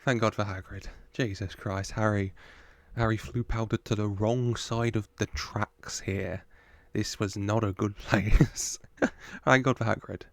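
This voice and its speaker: A man's voice: fairly low pitch, fairly even intonation, a little slow, no room sound. A man giving casual film reaction commentary as host, chatty and amused.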